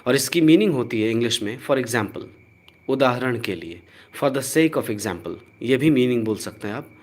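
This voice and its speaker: A man's voice: mid-range voice, animated. A man with an Indian accent teaching a live online pronunciation lesson, spelling out letters and repeating each word with care. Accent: Indian English. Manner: slow, deliberate, spells out letters and repeats words. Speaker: English teacher.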